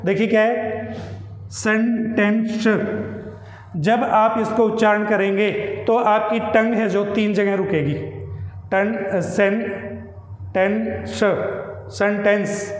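A man teaching English as a lesson, explaining slowly, repeating key words and asking and answering his own questions. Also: sits high, steady tone. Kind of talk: classroom-style lesson. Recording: echoey room with long reverb.

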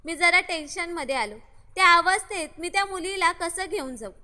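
A woman narrates a scripted first-person story in a steady, even reading with no fillers. Her voice sits very high and sounds sharply bright. A long hall reverb trails behind every line. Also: normal speed.

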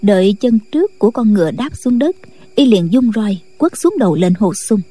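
A woman narrating a martial-arts novel in a steady, scripted late-night storytelling style. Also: mid-range voice, normal speed, breathy edge. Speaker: audiobook narrator.

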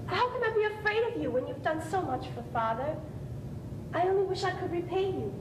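A woman's voice: expressive, brisk. Earnest young sweetheart, played by a woman for period stage drama, heard from far off with noise. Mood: flustered. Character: earnest, flustered, proud young woman in love. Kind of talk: amateur stage play acting. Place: theatre stage, indoors. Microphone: far camera. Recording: noisy, rumbling, echoey distant stage recording.

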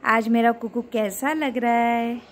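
A woman's voice: fairly high pitch, fairly even intonation, slow, slight background noise. A woman vlogger teasing her pet in cooing baby talk. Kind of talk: casual vlog, talking to her pet.

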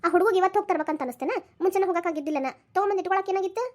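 Woman voicing an older mother-in-law, bossy and fussing, dharwad accent, high voice. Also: rapid-fire. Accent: North Karnataka (Dharwad) Kannada. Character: older mother-in-law, fussy and take-charge.

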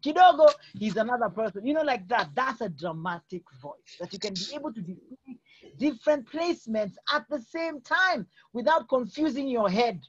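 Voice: mid-range voice, expressive, normal speed, slightly rough, no echo. A voice coach giving an online class, explaining techniques and checking in with the students. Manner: instructive, checks in with repeated okays. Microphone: video call. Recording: dull lo-fi online call audio.

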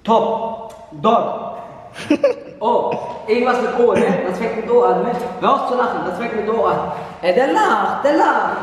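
A man's voice: high voice, measured pace, pauses often, distant mic. A young man, a native Turkish speaker, blurting puzzled guesses and mixing in Turkish words during a party game. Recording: echoey room, from afar.

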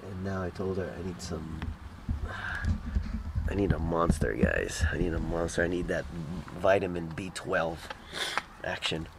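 A middle-aged man vlogs casually from inside a noisy truck in a lowish voice. He is sick, with a blocked nose, sore throat and audible mouth breathing. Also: measured pace, gravelly. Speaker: vlogger. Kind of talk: casual vlog chat to viewers. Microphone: handheld camera at arm's length. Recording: noisy vehicle interior.

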